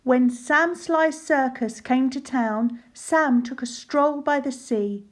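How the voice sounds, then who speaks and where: A woman narrating a rhyming children's storybook aloud in a measured, sing-song way. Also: sits high, soft background music.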